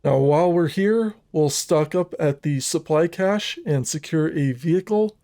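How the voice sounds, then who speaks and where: A man with a slightly high, warm voice narrates a scripted video game walkthrough, measured, methodical and instructional.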